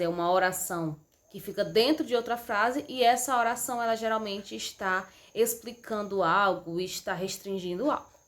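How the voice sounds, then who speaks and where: A woman teacher talks over slides at a middle pitch. Her delivery is patient and explanatory, and she keeps checking in with her listeners. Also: a bit bright. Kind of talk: slide lesson on punctuation.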